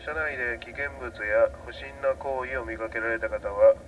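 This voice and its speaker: A man's voice: medium pitch, steady tone, moderate pace, slight background noise. A man working as a train conductor, making clipped, formulaic announcements over the onboard speaker system. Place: inside a subway train. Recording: tinny train PA, distant, music behind.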